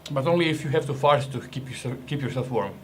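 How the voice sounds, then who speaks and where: Brief: young man, mid-pitched, chatty and jokey food vlogger, faint noise behind. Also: fast talker. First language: Croatian. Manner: chatty, joking, restarts and hesitations. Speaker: ration reviewer. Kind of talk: casual food review vlog.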